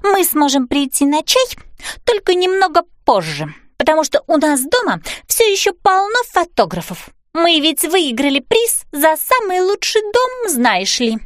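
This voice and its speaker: A woman's voice: very high-pitched, sing-song, a little slow, dry recording, clean studio sound, pitched above the performer's own voice, full character voice. A woman voicing a smug little girl neighbour in a children's storybook, boastful and mocking.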